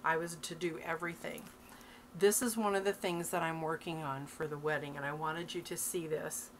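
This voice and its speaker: A woman's voice: low voice, fairly even intonation, normal speed, a little hiss or hum. A middle-aged woman vlogging from home, chatting eagerly about her crafting finds and laughing often. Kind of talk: casual show-and-tell vlog.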